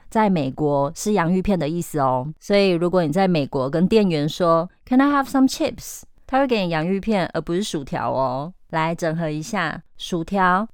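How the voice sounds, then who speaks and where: Woman teacher, lowish smooth voice, dry close-miked sound, slow modelled phrases. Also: dry recording. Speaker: English teacher. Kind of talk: scripted language lesson.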